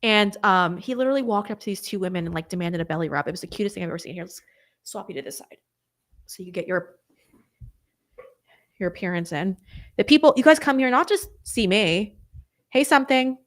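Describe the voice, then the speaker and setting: Woman, young adult, live-stream host, casual rambling chat, reads viewer comments, mid pitch. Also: brisk, pauses often. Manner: chatty, rambling, apologetic asides.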